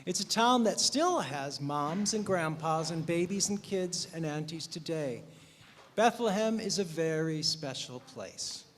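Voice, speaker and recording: A man with a slightly high voice and lively intonation takes his time narrating a Christmas story while leading worship. His manner with the congregation is upbeat, coaxing, and playful. Faint noise and church hall reverb fill the sanctuary recording.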